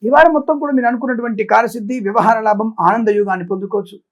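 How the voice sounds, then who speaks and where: Fast high-voiced astrologer man. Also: muffled recording. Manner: rapid listing of blessings, with sarcastic asides; preachy, moralizing. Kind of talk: weekly horoscope predictions.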